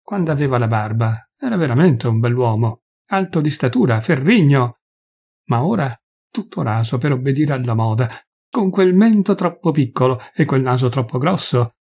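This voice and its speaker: A man narrating a literary short story aloud in a measured, expressive reading. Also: medium pitch, slightly rough.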